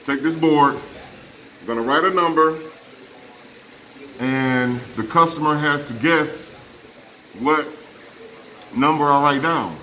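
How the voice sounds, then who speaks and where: In an echoey barbershop full of chatter, a middle-aged barber runs a giveaway, joking around with customers in a casual vlog and repeating himself a lot. He speaks slowly with long pauses, his voice on the high side, pushed and bright.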